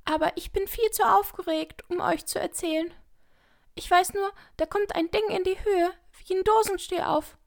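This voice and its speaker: A woman voicing a small, weak male lizard with a squeaky, shaken voice in an audiobook. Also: fairly even intonation, moderate pace, creaky. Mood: flustered. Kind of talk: audiobook reading.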